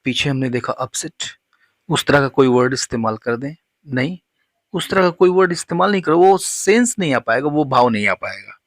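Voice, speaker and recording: A man teaching spoken English, saying each model sentence slowly and deliberately. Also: medium pitch, expressive, no room sound.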